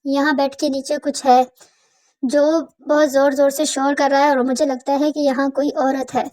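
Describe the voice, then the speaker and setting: A woman's voice: high-pitched, little pitch movement, darkish tone, lightly acted. A woman doing a terrified pleading prisoner. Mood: panicked, pleading. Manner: pleading, crying out. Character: terrified male prisoner in a haunted cell.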